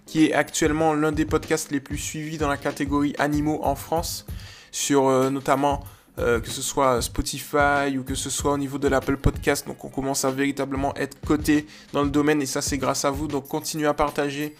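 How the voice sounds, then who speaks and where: A man's voice: on the high side, completely flat delivery, normal speed, faint music behind. Upbeat chatty man hosting a podcast. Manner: chatty, enthusiastic, lots of fillers. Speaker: podcast host, dog trainer. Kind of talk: casual podcast monologue.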